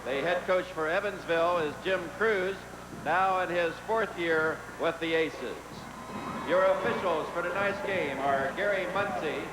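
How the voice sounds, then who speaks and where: A man working as an arena public address announcer, formally introducing lineups in a deliberate, measured delivery with drawn-out names. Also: high-pitched, over music. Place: large indoor sports arena, over public address. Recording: echoey arena PA with loud noise.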